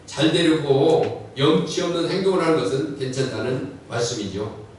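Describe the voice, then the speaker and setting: A man preaching a sermon in a church, animated, acting out quoted voices as he speaks. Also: mid-range voice, moderate pace, slight background noise. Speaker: pastor. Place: church sanctuary. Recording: echoey church hall, mic far off.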